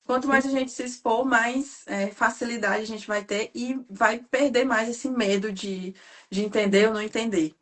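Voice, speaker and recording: A woman from Ceará with a Cearense Brazilian Portuguese accent, hosting a casual live interview and telling stories quickly and animatedly. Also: on the high side. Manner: fast talker, animated storytelling. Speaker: host.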